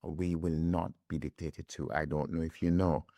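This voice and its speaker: A man's voice: a bass voice, flat delivery, measured pace, crowd noise. A man, a guest in an interview, answering emphatically and repeating phrases for stress. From Barbados. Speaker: guest, international law scholar.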